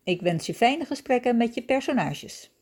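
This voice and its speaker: A woman hosting a writing-tips podcast, reading a scripted lesson in a calm, measured, instructive way. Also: on the high side, breathy edge.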